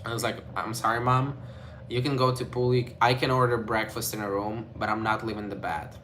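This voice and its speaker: The young Ukrainian vlogger, accent intact, now sounds lowish and fairly bright with fairly even intonation, talking a little fast over a slight hiss or hum. He rambles casually to camera, filling gaps with "like" and "you know."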